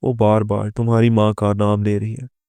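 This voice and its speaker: A man voicing a worried older father pleading in a spoken moral story, his voice low and flat. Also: clear, resonant tone, no echo, close to an everyday voice.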